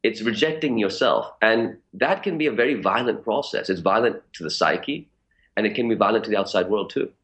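A man in his forties from Pakistan, an author speaking in a radio interview in a measured, thoughtful way. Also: lowish voice, fairly bright tone, dull audio. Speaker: author guest.

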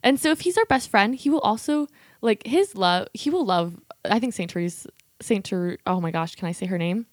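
A young adult woman co-hosting a podcast in natural, unscripted casual talk, hesitant and halting as she speaks. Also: medium pitch, animated, dry recording, studio quality. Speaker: podcast co-host.

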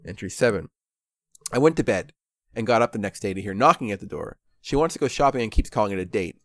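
A man's voice: on the low side, lively intonation, fast, fairly bright tone, no room sound. A man narrating a game playthrough in a sarcastic, self-mocking way.

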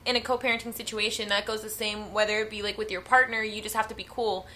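A woman co-hosting a podcast, playful and quick to laugh, chatting casually. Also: mid-range voice, fairly even intonation, sharp tone, a little hiss or hum. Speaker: podcast co-host. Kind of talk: casual chat.

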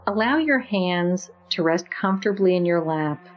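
A woman leading a guided meditation with slow, soothing, gentle instructions. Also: lowish voice, expressive, lo-fi sound, faint music behind.

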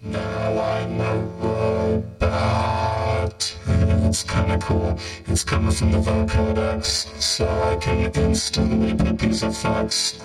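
A man's voice: fairly low pitch, monotone, takes it slowly, pauses often. A man speaking casually through a robotic vocoder filter during a gear demo, with synth music behind him.

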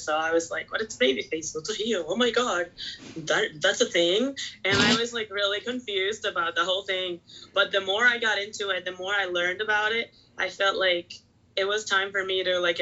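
A woman's voice: fairly low pitch, sharp tone, lo-fi sound. A woman in her twenties from Puerto Rico, chatting casually as a podcast guest and peppering her talk with "like". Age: 20s. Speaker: pro wrestler, podcast guest. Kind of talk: casual chat.

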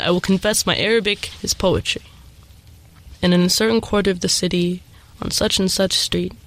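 Creaky-voiced young American woman. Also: fairly low pitch. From California, United States. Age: young adult. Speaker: guest poet. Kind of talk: radio interview and poetry reading.

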